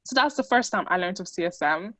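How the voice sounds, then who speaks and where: A woman's voice: fairly low pitch, brisk, dry recording, rough recording. Young Dutch-born woman, chatty talk. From Netherlands. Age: young adult. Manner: chatty, many fillers, animated quoting. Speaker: student speaker. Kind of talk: casual talk to an audience.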